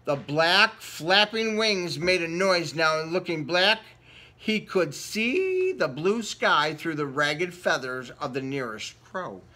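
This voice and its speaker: A man takes his time reading a children's storybook, his fairly high voice rising and falling with lively intonation. The tone is sharp, and he stretches and repeats words for dramatic effect.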